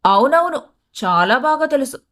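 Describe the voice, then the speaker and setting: Storybook figure: scornful young wife, irritated and sharp, read by a woman. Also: high-pitched, expressive, normal speed. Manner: sneering, irritated.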